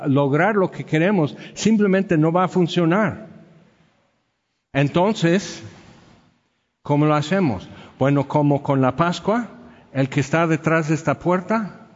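A man's voice: fairly high pitch, big-room sound, muffled recording. A man preaching a sermon, telling stories and acting out the quotes in them. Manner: storytelling with acted-out quotes. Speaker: pastor.

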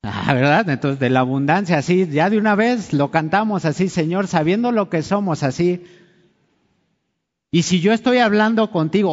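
A man preaching a sermon, talking with the congregation and asking them questions. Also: high-pitched. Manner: conversational, asks the congregation questions. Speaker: pastor. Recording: dull sound with long hall reverb.

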